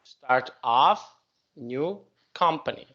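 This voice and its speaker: A man's voice: medium pitch, expressive, very slow, highs cut off. A man teaching English online, patiently prompting his student and correcting her sentences.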